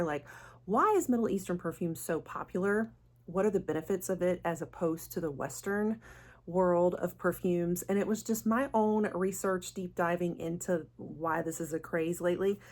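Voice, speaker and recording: Female product-review host, lowish register, chatty and enthusiastic, informal delivery. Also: fairly bright tone. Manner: gushing, enthusiastic. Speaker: fragrance vlogger, channel host.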